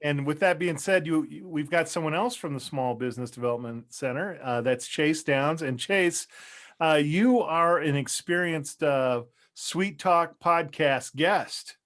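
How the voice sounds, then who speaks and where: A man's voice: a little high, unhurried, a bit bright. A man hosting a podcast in casual chat, with a jokey, folksy way of talking. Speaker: podcast host.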